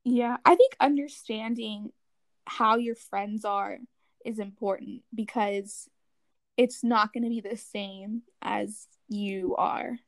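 A woman's voice: medium pitch, slow, no room sound. A young woman in casual chat, talking animatedly and filling her sentences with "like". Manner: chatty, lots of "like", animated.

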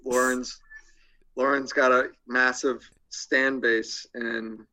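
A young man as a podcast guest, deadpan with crude jokes and hesitant with many ums. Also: mid-range voice, slow pace. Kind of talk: casual interview chat.

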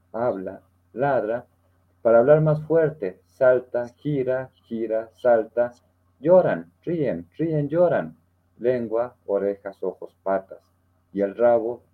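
A man's voice: mid-range voice, narrow, tinny audio. A man, talking reflectively about a poem with many tag questions, then reciting it. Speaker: participant reading a poem. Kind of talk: casual literary discussion and poem recital.

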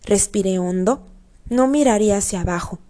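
A woman reading a first-person story aloud in a steady, expressive way. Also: medium pitch, normal speed. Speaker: audiobook narrator.

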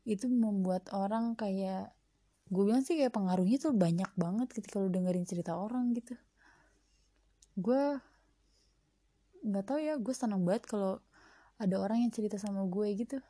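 A woman's voice: mid-range voice, moderate pace, long pauses, dark tone, no echo. A young woman talking casually on her own at home, reflective and chatty with lots of fillers. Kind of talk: casual solo monologue. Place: home at night.

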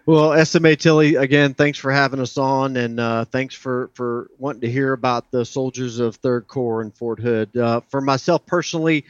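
Clear-voiced gung-ho soldier, dull dry recording. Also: male voice, medium pitch, fairly even intonation, moderate pace, few pauses, no echo. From south Louisiana, United States. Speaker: army command sergeant major, guest. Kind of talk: interview answers.

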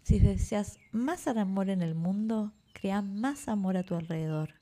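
A woman reading a gentle, patient father. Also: mid-range voice, measured pace, natural voice. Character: gentle, patient father teaching his son.

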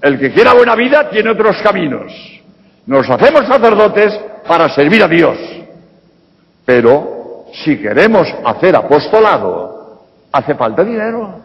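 A Spanish priest with a Spanish accent answers audience questions at a public lecture Q&A, speaking bluntly and using rhetorical questions. His high, sing-song, gravelly voice is unhurried with frequent pauses, recorded in a reverberant hall with dull lo-fi sound.

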